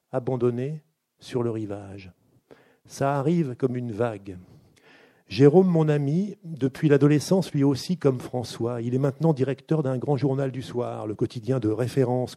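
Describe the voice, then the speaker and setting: A man hosting a literary show who reads a book passage aloud in a measured, deliberate way, then questions the author. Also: medium pitch, dark tone.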